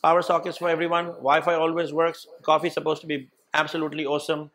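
A man's voice: on the high side, flat delivery, fast, fairly bright tone. A middle-aged man from Pakistan, a cafe owner, talking energetically in an interview and mixing Hindi-Urdu with English. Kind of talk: sit-down interview. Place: indoor studio set with dark wall.

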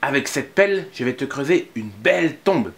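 A man's voice: mid-range voice, big pitch swings, moderate pace, a little hiss or hum. A man voicing a cheerful, eager little boy in a picture book.

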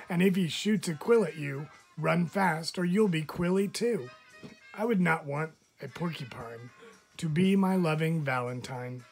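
A male teacher reads children's animal poems aloud in a measured, expressive storytelling style. His voice sits a little high.

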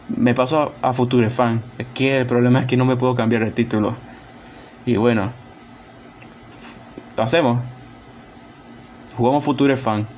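A man's voice: medium pitch, a little hiss or hum. A young man streaming a game, chatting casually, mocking himself and groaning and sighing as he plays. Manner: chatty, self-mocking, groans and sighs while playing. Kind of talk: casual live-stream gameplay chat.

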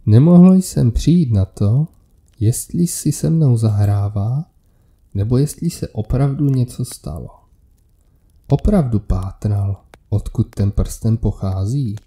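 A man reading a scripted horror story aloud in a measured, steady manner. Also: medium pitch. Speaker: narrator.

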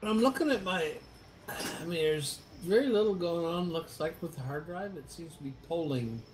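In this casual live-stream chat, a man at his home computer mutters a halting commentary as his video call repeatedly freezes, cursing occasionally in mild frustration. He speaks on the high side with lively intonation, over a slight hiss or hum.

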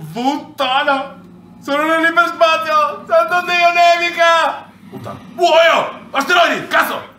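A man reacting loudly to a virtual reality game, swearing and shouting in excitement. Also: extremely high pitch, distant mic. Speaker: presenter playing a VR game. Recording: echoey room, voice off-mic.

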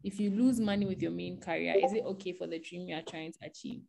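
A woman's voice: lowish voice, fairly even intonation, quick pace, gravelly, dark tone, slight background noise. A woman speaking as a guest on an online tech panel, giving earnest advice and often restarting her sentences.

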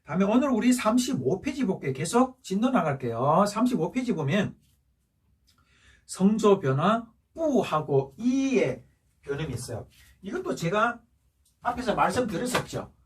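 A man's voice: high-pitched, very animated, moderate pace, breathy edge, recorded from a distance. A male teacher giving a patient recorded lesson, going over each point again and checking in with rising questions. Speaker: Chinese language teacher. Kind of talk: recorded classroom lesson for seniors.

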